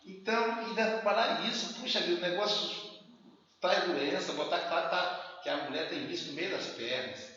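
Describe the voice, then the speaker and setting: A man giving a lecture and telling anecdotes in a lively way, acting out the people he quotes. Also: sits high, moderate pace. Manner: lively storyteller, acts out quotes. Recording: echoey hall, distant muffled mic.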